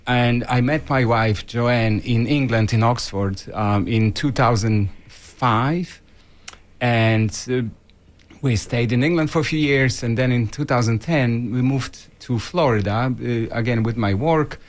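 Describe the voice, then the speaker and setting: A man from Poland, a radio guest answering politely and with measured hesitation. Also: medium pitch. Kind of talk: interview answers.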